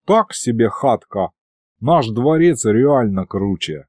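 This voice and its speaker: A man's voice: mid-range voice, expressive, takes it slowly, a little mellow, no room sound, studio quality. A man voicing a slangy, streetwise male creature henchman who calls the hero boss, speaking eagerly.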